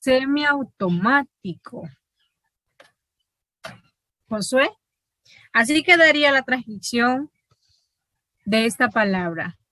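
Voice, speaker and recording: Bright-voiced woman teaching linguistics. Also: fairly high pitch, lively intonation, takes it slowly, long pauses, dry recording. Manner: explains step by step, often checks with "¿verdad?". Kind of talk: online class lecture.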